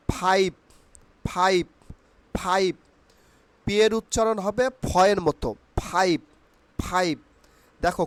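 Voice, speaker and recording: A man leads a spoken pronunciation lesson, asking a question and answering it himself again and again. His voice sits high and he talks at an unhurried pace. The sound is close and dry, with no room echo. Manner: repeats words in call-and-response drills, asks and answers himself; mixes Bengali with English words. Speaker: English pronunciation teacher. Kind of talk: casual spoken lesson with drills.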